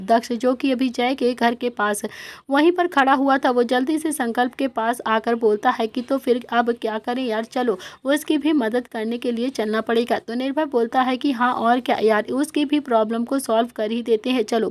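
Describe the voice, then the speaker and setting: High-voiced woman reading a family story. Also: no room sound. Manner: reads every character's lines in the same narrating voice.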